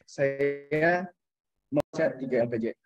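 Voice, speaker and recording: A man's voice: on the high side, measured pace, dry recording. Young man on a glitchy, breaking-up call. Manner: hesitant, with many fillers. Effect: choppy, breaking-up video call audio. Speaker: candidate answering a panel. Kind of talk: answering questions in an online hearing. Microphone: video call. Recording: dull, lo-fi, dry online call.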